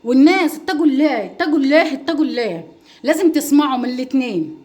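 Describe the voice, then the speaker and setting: Middle-aged woman, talks super fast and pleading, keeps repeating herself on a livestream. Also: sits high, expressive, warm tone. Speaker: mother and home-cooking vlogger. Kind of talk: livestream reply to critics.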